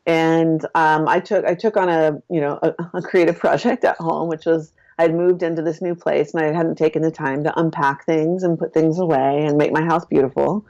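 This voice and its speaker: Woman coach telling her story on a podcast, chatty, lots of "like", a bit low-pitched, muffled lo-fi audio. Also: normal speed, few pauses. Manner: lively storyteller who acts out her own past lines with big jumps in pitch; casual, with fillers like "like" and "I'm like". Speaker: business coach and author, podcast guest. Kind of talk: personal storytelling in conversation.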